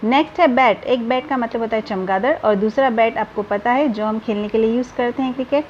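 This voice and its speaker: A woman teacher gives a grammar lesson. She reads English definitions out slowly and carefully, then explains each one. Her voice sits fairly high, and the recording is a dull, lo-fi voice-over with a faint hiss behind it. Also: darkish tone.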